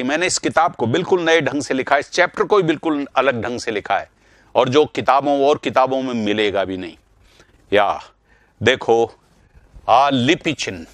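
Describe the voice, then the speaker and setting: A man's voice: medium pitch, fairly bright tone, dry recording. A middle-aged man teaching Hindi grammar in a live online class, greeting students by name and explaining through repeated examples.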